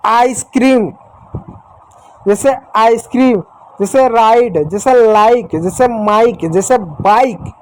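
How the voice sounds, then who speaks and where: A man teaching young children letter sounds in a patient, repetitive way, slowly sounding out letters and speaking to the children directly and affectionately. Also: high voice, darkish tone, poor audio. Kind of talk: phonics lesson for young children.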